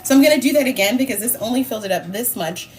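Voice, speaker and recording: A woman's voice: on the high side, expressive, very fast, noisy background. A woman hosting a cooking livestream, chatting casually and laughing as she answers her viewers. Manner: chatty, laughing, talks to live chat. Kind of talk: casual chat while cooking.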